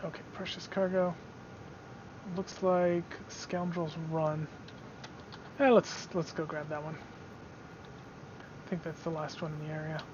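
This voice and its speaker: A man's voice: a little high, little pitch movement, measured pace, pauses often, background noise. A man chatting casually while streaming a game, with self-mocking asides, on slightly dull lo-fi audio. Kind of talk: casual gameplay commentary.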